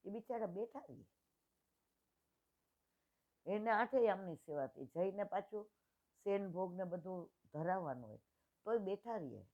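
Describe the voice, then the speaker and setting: A woman's voice: medium pitch, lively intonation, a little slow, long pauses. A woman in her sixties tells devotional stories in plain homely speech, acting out the dialogues, at a religious gathering. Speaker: satsang speaker. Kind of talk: devotional storytelling talk. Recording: tinny phone-like line.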